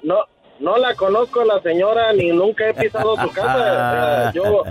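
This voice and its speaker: A man's voice: high voice, lively intonation, moderate pace, over music, low-quality recording. A man calling in to a radio show, casually telling a story in slang. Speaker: caller.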